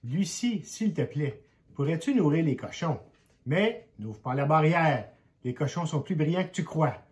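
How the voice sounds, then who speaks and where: An older man voicing a stern farmer father who gives slow, emphatic warnings in a storybook reading. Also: fairly high pitch, animated, a little mellow.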